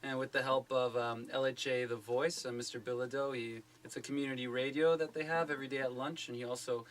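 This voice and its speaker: A man's voice: medium pitch, steady tone, fast talker, fairly bright tone. A man who teaches, explaining things in an eager, rambling way with many fillers during a radio interview.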